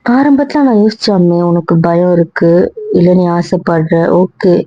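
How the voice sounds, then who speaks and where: A woman voicing a hurt young woman who questions her partner with quiet reproach. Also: fairly low pitch, expressive, normal speed, dry recording, lo-fi sound. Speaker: young wife or girlfriend. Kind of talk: Tamil audio drama acting.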